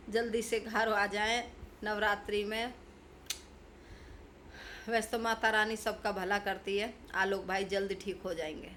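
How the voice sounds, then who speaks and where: A woman YouTuber in mid-rant, her voice at an ordinary middle pitch. She scolds and lectures in a confrontational, preachy tone, with a faint hum of room ambience behind her. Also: sharp tone. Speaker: YouTube vlogger. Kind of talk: ranting commentary to camera.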